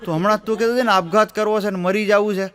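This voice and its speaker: A male stand-up comedian with a Gujarati accent tells one joke after another. He narrates in a folksy way and slips into quick voices for the people in each story. His voice sits a little high for a man. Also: steady tone, a bit bright. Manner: folksy storytelling, acting out voices in quoted dialogue.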